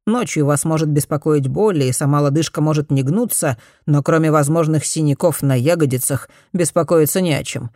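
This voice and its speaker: Woman voicing a blunt male doctor, low-ish voice, plain matter-of-fact talk, dry sound. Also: fairly quick, hardly any pauses, warm tone, no room sound.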